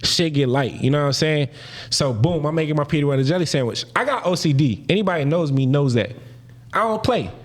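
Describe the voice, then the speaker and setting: A man in his thirties from New Jersey telling a story in a casual interview, slangy and animated, acting out the people he quotes. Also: on the high side, a little fast. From Paterson, New Jersey. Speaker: guest.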